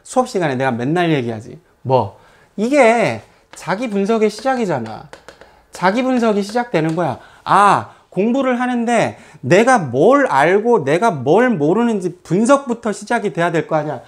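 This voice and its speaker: A man teaching a math academy class, lecturing students in a blunt, scolding way, with casual swearing and many rhetorical questions. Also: high-pitched. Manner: lively, lots of rhetorical questions.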